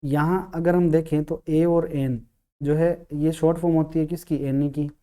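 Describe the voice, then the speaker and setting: A man teaching an English grammar lesson, explaining step by step, asking himself questions and sounding out syllables slowly. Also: fairly high pitch, steady tone, warm tone.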